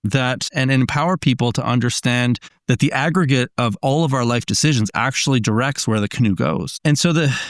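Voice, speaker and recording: A man's voice: mid-range voice, fairly quick, hardly any pauses, no room sound, studio quality. A man as a podcast guest, explaining ideas earnestly in casual conversation, often restarting his sentences.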